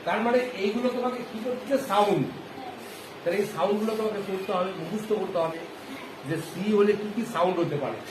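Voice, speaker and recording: A man teaching a classroom phonics lesson, with a very high voice. He keeps asking the class questions and drawing each answer out slowly. The room is echoey, with clear background noise. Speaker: primary school teacher.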